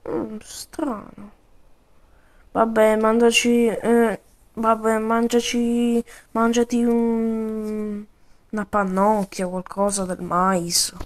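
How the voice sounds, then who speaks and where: A woman improvising playful, slangy role-play commentary over a video game, with sudden yells. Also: on the high side.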